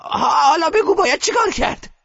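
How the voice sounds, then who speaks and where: A man voicing an imperious, frantic old grandmother gambler who shouts commands. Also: very high-pitched, expressive, creaky, dull audio, voice pushed up, heavily acted. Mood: bossy.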